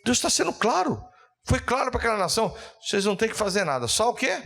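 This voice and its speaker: A man pastor, preaching a fervent sermon that rises into loud calls and readings from scripture. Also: very high voice, sing-song, fast, gravelly.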